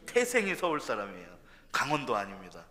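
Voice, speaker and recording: A man's voice: medium pitch, huge pitch swings, brisk, sharp tone, big-room sound. A young man from Seoul, a junior pastor, preaching a sermon in a church sanctuary. He tells stories conversationally and often turns to address the congregation directly. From Seoul, South Korea.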